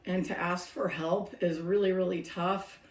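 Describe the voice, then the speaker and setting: A middle-aged senior care worker shares advice in a casual talking-to-camera vlog, chatting reflectively and laughing often. Her scratchy voice is on the low side, fairly even in intonation and a little slow, recorded with roomy echo and a slightly distant mic.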